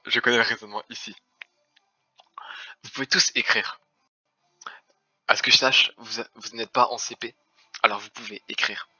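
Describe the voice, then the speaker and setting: A man's voice: fairly low pitch, sharp tone, no echo. Man lecturing theatrically over dull voice chat. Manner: theatrical, formal "mon cher" lecturing, stumbling restarts. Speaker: werewolf game player. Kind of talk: heated game accusation speech.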